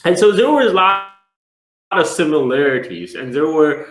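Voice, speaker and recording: A man's voice: a little high, sing-song, moderate pace. A man in his forties from China, a podcast guest speaking in a thoughtful, conversational way. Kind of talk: casual interview. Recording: echoey room.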